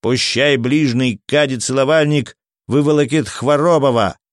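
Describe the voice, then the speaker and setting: A man voicing a bold young townsman who shouts urgent warnings in a raised voice. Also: mid-range voice, normal speed, no echo, studio quality, lightly acted. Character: young brawny male townsman, bold and agitated.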